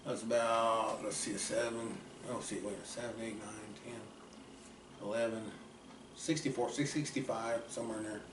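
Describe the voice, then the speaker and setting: Man, 70s, drawl; folksy storyteller, roomy distant recording. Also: medium pitch. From southeast Kansas. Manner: folksy, drifting, trails off quietly at ends. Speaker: uncle telling stories. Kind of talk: casual rambling storytelling. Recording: roomy, distant mic, faint background noise.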